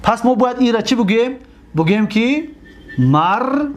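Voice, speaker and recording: A male teacher with a Tajik accent lecturing a class. His voice sits high and swings widely up and down as he explains step by step. He repeats each word and keeps asking his students questions. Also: lively intonation, lo-fi sound, slight background noise. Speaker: teacher of Arabic morphology.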